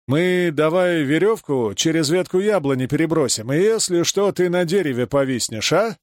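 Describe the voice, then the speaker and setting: A man voicing a calm, practical grown man in an audiobook reading. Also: fairly high pitch, moderate pace, no room sound, studio quality, voice pushed up, close to an everyday voice.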